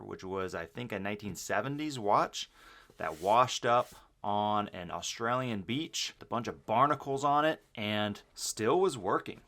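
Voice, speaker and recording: A man's voice: on the low side, bright, forceful tone. A man casually unboxing and reviewing a watch, chatty and enthusiastic, thinking aloud with fillers.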